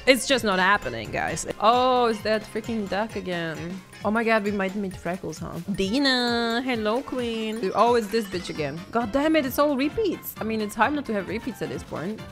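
A woman's voice: mid-range voice, lively intonation, moderate pace, few pauses, faint music behind. A woman streamer chatting with her viewers while she plays, giggling, swearing and easily distracted. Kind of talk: live-stream game commentary.

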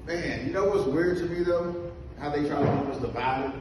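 High-voiced male stand-up, echoey club recording. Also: fairly quick. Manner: informal, profane, conversational bantering with the crowd. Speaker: stand-up comedian. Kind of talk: stand-up comedy routine at an open mic. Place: indoor comedy club stage. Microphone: handheld stage mic, recorded from audience table. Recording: echoey club, distant phone, noisy room.

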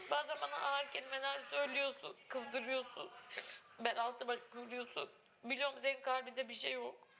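A woman's voice: high-pitched, creaky, background noise. A young woman in a reality show house, tearful and pleading as she pours out her feelings. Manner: tearful, pleading, breaks into crying laughs. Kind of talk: emotional heart-to-heart. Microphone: wireless body mic.

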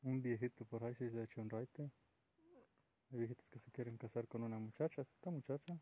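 A man with a Mexican Spanish accent chatting from behind the camera, asking gently teasing questions. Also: medium pitch, fairly even intonation, a little fast. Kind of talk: casual chat. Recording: tinny phone-like sound.

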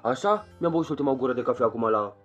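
Faint music plays as a young man vlogs from a small home bedroom, his medium-pitched voice expressive and a bit bright. His chatter is rambling and casual, broken up by scolding his child.

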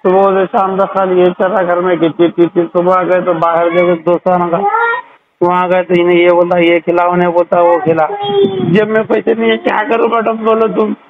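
Over a noisy, narrowband phone line, a called customer from Hyderabad Old City, India, keeps repeating exasperated complaints in a rambling way. He has a Hyderabadi accent and a high-sitting voice with a level tone, speaking fairly quickly.

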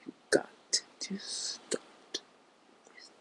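A drunk person rambling through a brooding rant to camera in a halting, whispery rasp, close to the phone. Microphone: phone held very close to the mouth.

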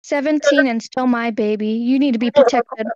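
Overprotective, out-of-touch dad voiced by a woman for amateur roleplay: high pitch, rambling delivery, lo-fi dry sound. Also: steady tone, darkish tone, no room sound, close to an everyday voice. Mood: protective. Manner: halting, rambling, repeating phrases. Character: doting overprotective dad, clueless about trends, eager to seem hip.

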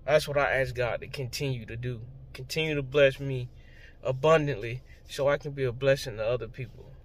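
A man's voice: medium pitch, brisk. Emotional young man vlogging. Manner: emotional, heartfelt, slangy and rambling. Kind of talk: casual vlog talk to camera.

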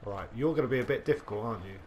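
A young man commentating on his own gameplay, excitable, talking to himself and swearing freely as he plays. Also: fairly low pitch, rapid-fire, slight background noise. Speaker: gaming video host.

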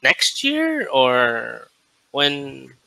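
American guy late 20s, slow easy talker, bright tone, dry close sound, video call tutor. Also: medium pitch, creaky, dry recording, low-quality recording. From United States. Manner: relaxed, laughs often, many fillers. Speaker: English tutor. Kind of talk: casual video call chat. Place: indoor room.

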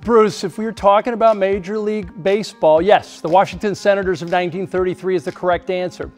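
A middle-aged man tells a sports history story for the evening news. He pushes emphasis hard and sounds animated. His voice sits a little high for a man. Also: fast talker, faint music behind. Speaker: sports reporter. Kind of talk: news feature narration and studio chat. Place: TV news studio.

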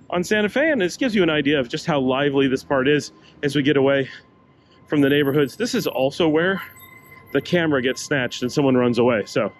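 A man's voice: medium pitch, a little hiss or hum. A middle-aged man vlogging a walking tour on a city sidewalk, talking to a handheld camera in a chatty, meandering way with fillers. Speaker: travel vlogger. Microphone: handheld camera at arm's length.

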